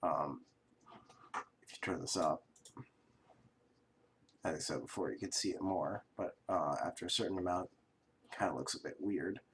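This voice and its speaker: A man who is sick and coughing, casually talking through a software tutorial at his computer, rambling and correcting himself with fillers. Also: sits low, normal speed, pauses often, slight background noise. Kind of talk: casual screen-recorded tutorial.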